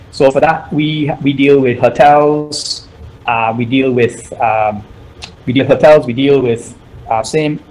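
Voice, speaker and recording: A middle-aged man from Barbados, giving measured interview answers as a guest entrepreneur and often repeating words while he gathers his thoughts. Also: mid-range voice, darkish tone, slight background noise, rough recording.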